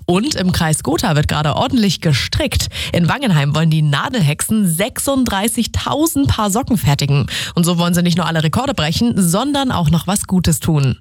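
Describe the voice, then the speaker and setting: Upbeat woman radio presenter, lively pitch. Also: no echo, clean studio sound. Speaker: radio news host. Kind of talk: scripted regional radio presenting. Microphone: studio microphone.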